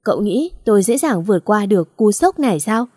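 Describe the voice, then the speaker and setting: A woman voicing a grieving, vengeful middle-aged father who speaks in loud, accusing outbursts. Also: medium pitch, moderate pace, no room sound, clean studio sound, lightly acted. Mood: bitter, accusing.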